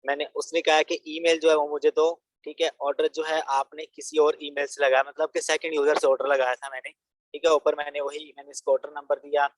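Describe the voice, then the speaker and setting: A man's voice: on the high side, little pitch movement, a little fast, no room sound, rough recording. A young man, walking viewers through an online course tutorial in a casual, chatty way and often adding "theek hai" as a filler. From Pakistan. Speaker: online business course instructor. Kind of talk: casual screen-recorded tutorial.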